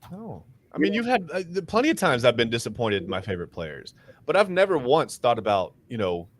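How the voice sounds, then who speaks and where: Male podcast co-host, emphatic, restarts sentences, mid pitch, animated delivery. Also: fairly quick, dry recording. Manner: emphatic, repeats words when worked up. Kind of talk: casual sports podcast chat.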